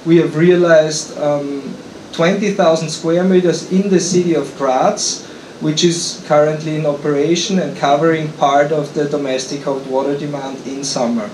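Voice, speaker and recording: A man's voice: on the high side, fairly even intonation, darkish tone, a little hiss or hum. Austrian-accented man presenting in an echoey hall. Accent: Austrian German. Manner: halting, frequent restarts and fillers. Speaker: conference presenter, engineer. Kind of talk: conference presentation. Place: conference hall.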